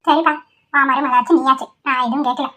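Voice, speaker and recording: A woman's voice: high voice, fairly even intonation, fairly quick, pushed and bright. A woman voicing a nosy, nagging older mother in a cartoon, with sarcastic jabs at her son. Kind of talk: Tamil cartoon voice acting.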